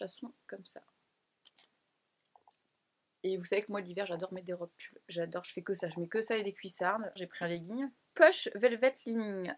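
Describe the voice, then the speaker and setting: Chatty young Frenchwoman showing off a clothing haul. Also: medium pitch. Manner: chatty, excitable, laughs often, drops into asides. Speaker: fashion vlogger. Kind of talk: casual haul vlog chat.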